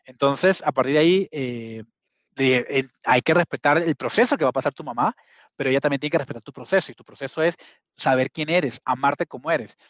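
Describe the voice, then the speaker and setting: A man's voice: mid-range voice, fairly quick, fairly bright tone, no room sound. Earnest man, muffled dry sound. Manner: earnest, many restarts. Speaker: guest. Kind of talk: conversational storytelling.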